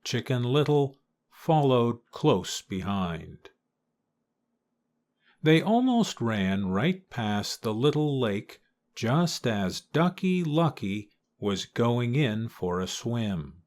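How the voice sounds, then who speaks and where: A man narrating a children's story in a slow, clear and expressive reading. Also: medium pitch.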